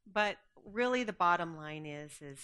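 A woman giving an earnest, conversational sermon in short phrases, pausing after each so an interpreter can follow. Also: fairly low pitch, expressive, bright, forceful tone, clean tone. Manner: earnest, conversational, with fillers and restarts. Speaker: guest speaker preaching through an interpreter.

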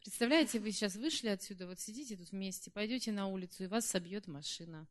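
A woman interprets a sermon consecutively, repeating each phrase right after the preacher speaks it. Her voice is of middle pitch. She keeps close pace with the speaker and sometimes trails off mid-word. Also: fast. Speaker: church interpreter.

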